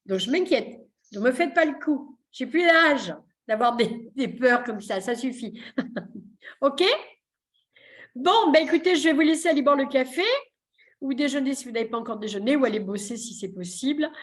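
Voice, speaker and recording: A woman's voice: high voice, animated, moderate pace. A woman therapist hosting a live video session in a chatty, joking way, with many fillers. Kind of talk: casual live chat. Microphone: computer mic on a video call.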